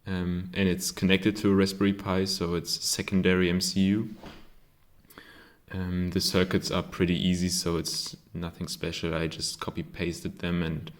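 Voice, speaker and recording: In a casual show-and-tell of his own circuit board, this German-accented man from Germany, not a native speaker, speaks hesitantly with plenty of ums and self-corrections. His deep voice keeps a level tone at a moderate pace.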